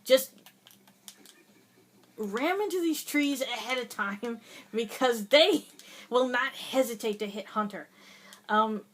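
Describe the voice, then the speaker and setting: A woman's voice: on the high side, lively intonation, slow pace, pauses often, fairly bright tone. Giggly woman narrating her gameplay. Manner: chatty, giggly, hesitant with many fillers. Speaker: gaming video host. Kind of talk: casual gameplay commentary.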